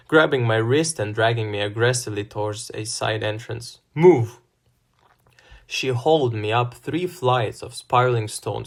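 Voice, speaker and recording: A man reading a first-person fantasy novel as scripted narration in a measured manner. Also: medium pitch, creaky. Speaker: audiobook narrator.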